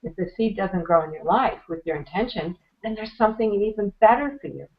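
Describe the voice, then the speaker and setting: A woman with a hoarse, fading voice, speaking as an interview guest and giving earnest, motivational advice about meditation. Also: mid-range voice, lively intonation, a little fast, highs cut off. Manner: earnest, motivational, frequent throat-clearing. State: hoarse, losing her voice.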